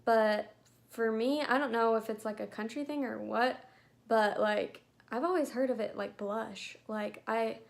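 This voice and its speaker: Young woman, beauty vlog, chatty and rambling, slightly high voice with vocal fry. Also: steady tone, a little slow. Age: young adult. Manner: chatty, rambling, lots of filler words. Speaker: beauty vlogger. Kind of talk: casual chat.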